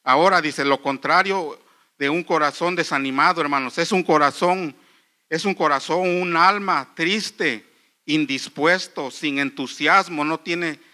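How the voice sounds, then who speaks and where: A middle-aged man preaching a sermon in church, earnest and halting, often restarting phrases and calling the listeners brothers. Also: fairly high pitch, bright, forceful tone. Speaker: pastor.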